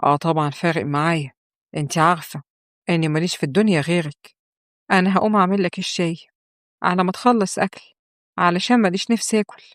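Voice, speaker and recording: A woman's voice: lowish voice, fairly even intonation, fast talker, long pauses, no echo, clean studio sound, natural voice. A woman voicing a coaxing, self-pitying young husband with a mocking edge, in an Egyptian accent. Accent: Egyptian Arabic.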